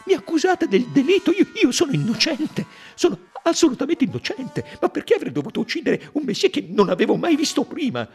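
High, pleading young conductor, stammering, husky, jumpy pitch, audiobook. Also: male voice, huge pitch swings, normal speed, faint music behind, heavily acted. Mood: panicked. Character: panicky young male train conductor. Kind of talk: audiobook reading.

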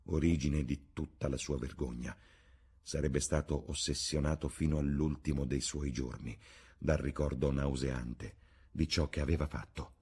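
A man narrates a classic novel in a measured, literary reading style. His voice is low and deep, with a husky, breathy grain. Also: fairly even intonation, warm tone. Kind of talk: audiobook reading.

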